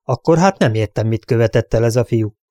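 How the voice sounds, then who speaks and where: A man's voice: mid-range voice, mellow, no room sound, natural voice. A man voicing a stern, commanding frontier sheriff who questions and challenges a crowd, in a dry recording.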